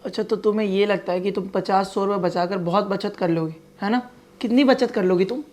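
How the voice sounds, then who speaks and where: A man's voice: sits high, fairly quick, a little mellow, natural voice. A man acting as a young office-going husband who keeps protesting his wife's cost cutting in a scripted family skit. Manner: protesting, exasperated.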